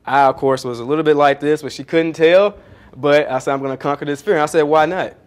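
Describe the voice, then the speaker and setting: A man's voice: on the high side, fast. Chatty man answering onstage questions. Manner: chatty, rambling, self-deprecating, many fillers. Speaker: pastry chef and founder, featured speaker. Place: coworking space event.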